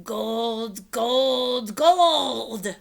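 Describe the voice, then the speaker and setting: A woman voicing a mean, greedy pirate captain who roars and growls his words slowly. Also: on the high side, vocal fry, voice pushed up, full character voice. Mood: roaring. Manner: roaring, drawn-out growls.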